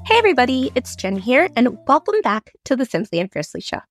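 A woman hosting a casual solo podcast, self-deprecating, with a slightly croaky voice left over from a chest infection. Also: high voice, big pitch swings, fast talker, soft background music. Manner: self-deprecating, chuckles at herself. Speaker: podcast host.

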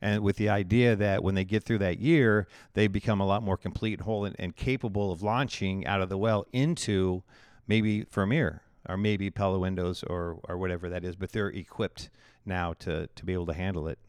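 A man's voice: low voice, fairly even intonation, normal speed, clean tone, dry recording. A man in his forties from Iowa, a pastor being interviewed in casual talk, who rambles and often restarts his phrases. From Iowa, USA. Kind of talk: conversational interview.

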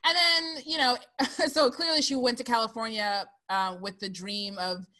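A woman co-hosting a casual movie discussion, animated and sarcastic, laughing often as she talks. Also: on the high side, normal speed. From lives in Burbank, Los Angeles area. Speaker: podcast co-host.

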